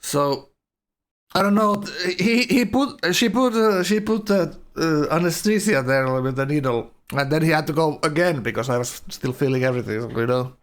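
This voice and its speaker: Guy with a slightly high voice hosting a game stream, talks kinda clumsy like half his mouth is numb from the dentist, rambly. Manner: loose, rambling, halting delivery. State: numb mouth after dental anesthesia, slightly awkward, slurred speech. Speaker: live stream host and game tournament commentator. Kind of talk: casual esports stream commentary.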